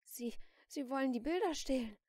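A woman reading an audiobook, voicing an adult saleswoman in an art gallery who speaks in a brisk, matter-of-fact way. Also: sits high, a little mellow, dry recording, studio quality, voice pushed up. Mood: frightened. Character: adult female gallery saleswoman, cool then frightened.

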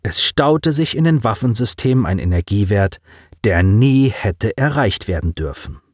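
A man's voice: on the low side, lively intonation, moderate pace, no room sound, clean studio sound. A man reading a science-fiction audiobook with dramatic narration.

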